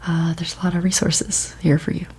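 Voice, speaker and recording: A helpful female librarian, played by a woman in an ASMR role-play. Her hushed library voice is dark and soft, often dropping in a soft voice, with halting, casual phrasing. Faint noise and keyboard typing sit behind her. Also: lowish voice, flat delivery, lightly acted. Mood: helpful, matter-of-fact. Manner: hushed library voice, soft-spoken, slipping into speaks softly; hesitant, unhurried, halting delivery.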